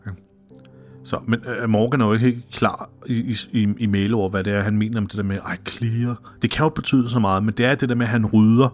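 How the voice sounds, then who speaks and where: A man's voice: on the low side, steady tone, faint music behind. Chatty Danish man recapping an episode. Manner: chatty, swears casually, acts out characters' lines. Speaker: podcast co-host. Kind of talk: casual chat recapping a TV episode.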